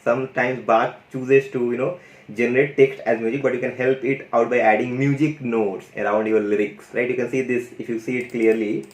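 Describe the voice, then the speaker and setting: A tech YouTuber gives a brisk, enthusiastic screen-share tutorial on an AI audio tool, peppering it with "you know" and "guys." His medium-pitched voice stays level, with a little hiss or hum and a roomy echo.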